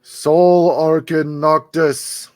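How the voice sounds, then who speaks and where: A man voicing an unseen official whose booming, magically amplified voice calls out slowly during a tabletop game. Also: level tone, a little mellow, no room sound, faint music behind. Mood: stern. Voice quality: booming, slow and drawn out.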